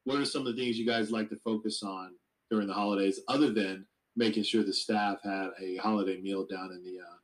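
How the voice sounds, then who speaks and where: A man's voice: on the low side, fairly even intonation, fairly quick, low-quality recording. A man hosting a podcast who rambles and asks questions in a casual chat. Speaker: podcast host.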